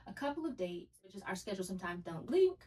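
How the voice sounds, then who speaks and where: A woman's voice: medium pitch, big pitch swings, fast talker, a little mellow, distant mic, poor audio. A woman guest telling her dating story in casual podcast chat, earnest and reflective.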